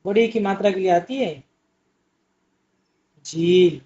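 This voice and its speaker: A man's voice: high voice, slow, warm tone. A man teaching an Urdu exam-prep lesson, explaining patiently and asking questions that he answers himself. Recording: muffled lo-fi audio.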